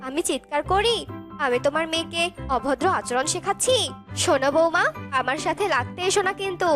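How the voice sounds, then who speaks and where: A woman's voice: very high-pitched, animated, fairly quick, music in the background. A woman voicing a spiteful, nagging old bird grandmother who scolds her daughter-in-law in a cartoon. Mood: scolding.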